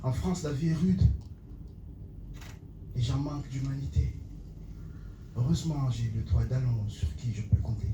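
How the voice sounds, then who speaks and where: Distant slam poet declaiming in a roomy hall. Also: male voice, mid-range voice, a little slow, pauses often. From Comoros. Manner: rhythmic declaiming, half-sung refrains, rising to shouts. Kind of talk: slam poetry performance on stage. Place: small Paris theatre with live audience. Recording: roomy, distant, noisy live room.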